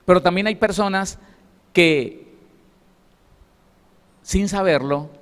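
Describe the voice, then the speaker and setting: Man, Colombian Spanish accent, pastor, emphatic sermon, slightly high voice, long hall reverb. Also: slow pace. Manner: emphatic preaching, acts out quoted voices. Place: church hall.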